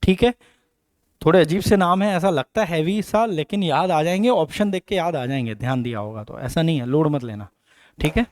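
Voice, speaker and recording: A man's voice: a little high, expressive, fairly quick, darkish tone, no room sound, studio quality. A middle-aged man giving a biology coaching lecture, asking questions and repeating terms to drill them in. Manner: explains with questions and repetitions, Hinglish mix. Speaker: biology teacher.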